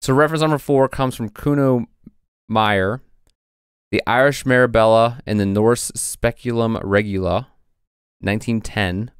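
A man's voice: mid-range voice, steady tone, unhurried, clear, resonant tone, no room sound, clean studio sound. A man co-hosting a casual podcast, reading passages from old texts with frequent fillers. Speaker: podcast co-host presenting research.

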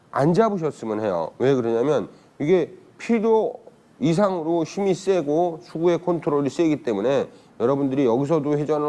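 A man's voice: a little high, dark tone. A man teaching billiards in a casual spoken lesson, chatting and often putting rhetorical questions to viewers. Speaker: billiards instructor.

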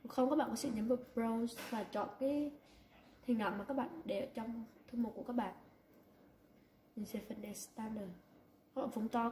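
Woman walking thru a software tutorial step by step, slightly high mellow voice, echoey room w faint hiss. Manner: unhurried step-by-step instructions with frequent "đây, đấy". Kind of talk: screen-recorded software tutorial.

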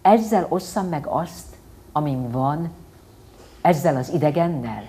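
A woman voicing a furious little girl who screams and stamps in a tantrum. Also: expressive. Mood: indignant. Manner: shrill, shouting.

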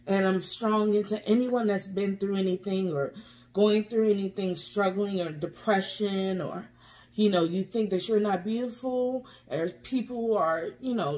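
Female vlogger, emotional and tearful, warm encouraging ramble to her viewers. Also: mid-range voice. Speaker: YouTube reaction vlogger. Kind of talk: emotional casual vlog talk.

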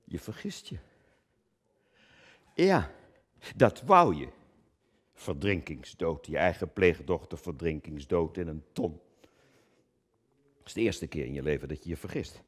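Give me a man with a lowish, husky voice performing a theatrical monologue, booming one moment and muttering the next. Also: sing-song, unhurried, long pauses. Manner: swings from booming declamation to low muttered asides; stammering, repeats words. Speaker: cabaret performer.

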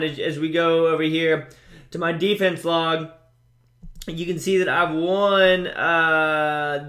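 Bright-voiced young man, upbeat game commentary. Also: fairly high pitch. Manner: chatty, upbeat, lots of fillers and restarts. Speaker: gaming YouTuber. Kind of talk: casual gameplay commentary.

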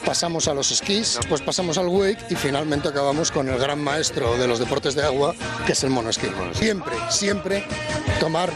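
A man's voice: on the high side, normal speed. Male ski instructor, patient explainer, outdoors with music under. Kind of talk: instruction in interview. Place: outdoors on a lake. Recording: outdoor, music loud behind.

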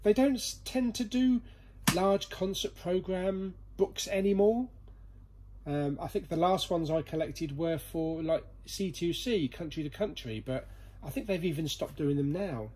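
His voice sits high yet has a darkish, slightly rough tone, and he talks a little slowly. He's hosting a chatty, joking vlog, working through a collection in an indoor storeroom crowded with boxes.

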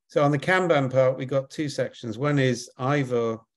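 A man's voice: medium pitch, normal speed. A man answering audience questions in a webinar, explaining with repeated words and frequent "right?" tags.

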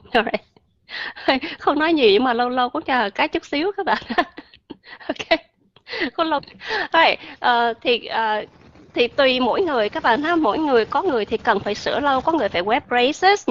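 A woman's voice: fairly high pitch, fairly bright tone, no echo, dull audio. A woman teaching an online English pronunciation lesson, chatty and checking often on her listeners.

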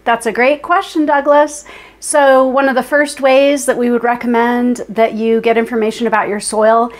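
A woman's voice: on the high side, level tone, normal speed. A woman in her forties co-hosts a homesteading channel, talking to camera in her kitchen in a friendly, upbeat way. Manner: friendly, upbeat, direct address. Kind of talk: scripted explainer to camera. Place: home kitchen indoors.

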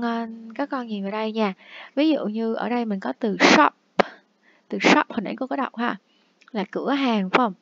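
A woman's voice: fairly high pitch, lo-fi sound. A woman teacher, patiently repeating vocabulary and explaining pronunciation rules to her pupils in a recorded review lesson. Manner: patient, repeats each word slowly for pupils to copy. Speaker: English teacher.

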